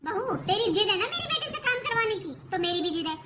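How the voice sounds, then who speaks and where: Cartoon mother-in-law, older, taunting and bossy, voiced by a woman; very high voice, noisy track. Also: sing-song, fast talker. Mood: scolding. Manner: scolding, taunting. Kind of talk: cartoon voice acting. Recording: noisy recording.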